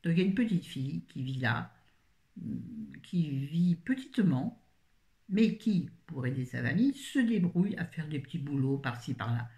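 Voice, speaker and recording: Low and a little mellow with some vocal fry, this middle-aged book reviewer from France sounds animated as she talks at a moderate pace about recent books. Her relaxed review wanders, doubles back on itself, and is sprinkled with jokey asides.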